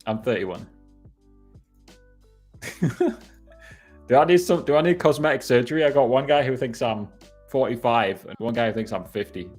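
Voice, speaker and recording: A man in his thirties from northeast England hosts a relaxed live Q&A stream, rambling, laughing often, and correcting himself. His medium-pitched, darkish voice moves at normal speed with frequent pauses, soft music plays in the background, and he's wearing headphones.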